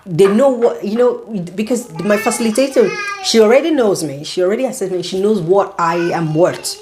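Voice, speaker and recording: A young woman, a student nurse, telling a story in a casual vlog, animated and indignant, with lots of "you know". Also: medium pitch, brisk, noisy background. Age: young adult.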